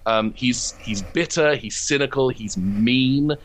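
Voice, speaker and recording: Speaking slowly at a medium pitch, this man is being interviewed about his career in comedy writing and voice acting. His answers are long and reflective, full of phrases he abandons and begins again.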